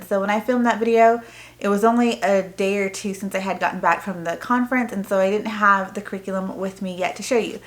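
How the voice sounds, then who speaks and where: A woman's voice: mid-range voice, a bit bright. An American woman with a mid-range voice speaks as the host of a casual homeschooling vlog. She explains things in a chatty, informal way. Her sentences wander a little as she goes. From Texas, United States. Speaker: homeschooling mother and video host. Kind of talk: casual vlog product talk to camera.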